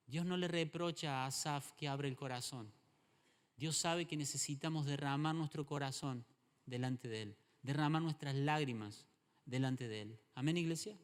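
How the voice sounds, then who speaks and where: A man with an Argentine accent preaching a sermon as pastor, swinging from a hushed, intimate murmur to loud, fervent exhortation. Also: fairly high pitch, normal speed, clean tone. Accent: Argentine Spanish. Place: church hall. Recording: livestream in a reverberant church hall.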